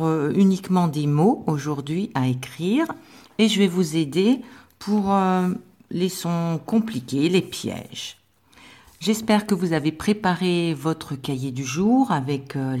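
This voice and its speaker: A woman teacher giving a slow, patient dictation lesson to young pupils, spelling out sounds with careful articulation. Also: fairly low pitch, a little mellow. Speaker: primary school teacher.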